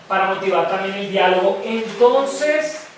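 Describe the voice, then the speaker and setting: A man with a Colombian paisa accent and a high-pitched, animated voice teaches a French class at a measured pace, patiently asking students for their thoughts and encouraging them. It's a classroom discussion recorded in an echoey school classroom from a distant mic, with a little hiss or hum.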